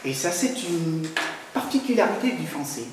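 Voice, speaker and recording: A man's voice: sits high, lively intonation, far from the mic, background noise. French-speaking man lecturing in an echoey hall. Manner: hesitant, many pauses and "euh" fillers. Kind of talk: academic conference talk.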